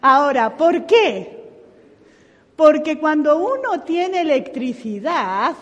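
A woman preaching a sermon, telling stories and acting out other people's voices in an animated way. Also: sits high. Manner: animated storytelling with impersonated voices. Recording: long hall reverb.

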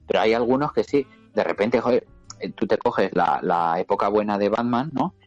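Spanish guy rambling casually, low voice, muffled lo-fi sound, bit of music. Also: lively intonation, moderate pace, no echo. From Murcia, Spain; raised in Madrid. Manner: rambling, repeats words, swears casually. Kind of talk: casual chat.

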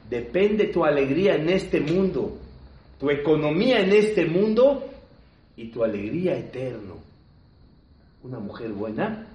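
A man giving a religious lesson. He tells stories emphatically, repeats himself, and swings between loud stresses and hushed asides. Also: fairly high pitch, a little hiss or hum. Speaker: rabbi teaching a class. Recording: roomy, distant, dull hall recording.

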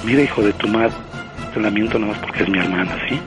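A man's voice: lowish voice, quick pace, music in the background, rough recording. A man, the target of a radio prank call, talking in an angry, threatening and exasperated way. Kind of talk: phone call.

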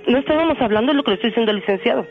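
A middle-aged mother is the victim of her child's radio prank call, pressing with emotional, insistent questions in a slightly high, animated voice that races along. The radio broadcast over the phone, with music, sounds narrow and tinny.

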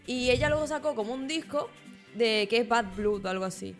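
A woman's voice: on the high side, animated, brisk, soft background music. Chatty woman telling gossip. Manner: chatty storyteller, many fillers. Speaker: podcast co-host. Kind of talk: casual chat.

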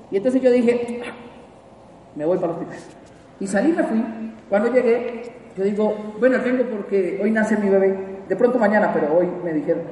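A Colombian man telling a funny personal story to a live audience in a large hall, animated and emphatic and repeating key phrases. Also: very high voice, slight background noise. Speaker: motivational speaker. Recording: echoey hall from far off, faint ambience.

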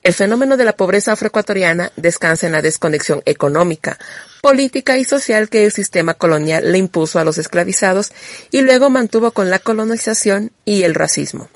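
A woman radio host reading a scripted program in a steady, formal way. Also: medium pitch, fairly quick, dry recording.

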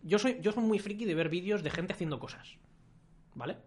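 A man co-hosting a podcast in casual chat. He talks in an animated way and mimics other people's voices. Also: high voice, a little fast. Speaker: podcast co-host.

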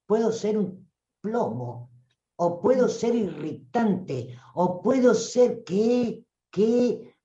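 A woman with a Rioplatense Spanish accent, a voice coach giving an animated live-streamed talk who acts out voices and calls listeners "tribu". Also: fairly low pitch, reverberant, highs cut off.

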